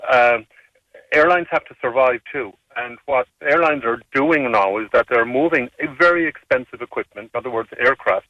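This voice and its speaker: A man giving measured, earnest commentary as a radio interview guest over a phone line. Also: mid-range voice, bright, forceful tone, no room sound, recorded from a distance. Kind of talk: current affairs commentary.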